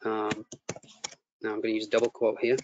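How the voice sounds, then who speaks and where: A man's voice: fairly low pitch, monotone, a little fast. A man teaching a coding lesson, explaining each step as he types and often repeating himself as he goes. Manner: explains step by step while typing, repeats words. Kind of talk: live coding tutorial. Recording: muffled lo-fi audio with faint noise.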